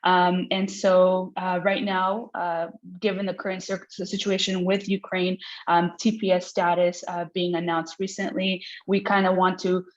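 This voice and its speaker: A woman's voice: on the low side, a little slow, hardly any pauses. A woman who works as a legal director, giving a webinar presentation with lots of fillers and restarts and an eager way of talking. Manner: excited talker, many fillers and restarts. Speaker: legal director of an immigrant aid center. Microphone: video call. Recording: dull lo-fi audio from a video call.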